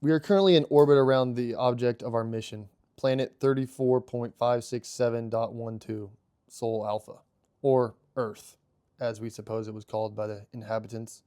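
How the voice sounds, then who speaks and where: A deferential robot crewman reporting to his superior, read aloud by a man. The voice is mellow and dark, and the reading is hesitant and plain. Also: medium pitch, fairly even intonation, normal speed, clear, resonant tone, no room sound, clean studio sound, lightly acted. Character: deferential male robot crew member.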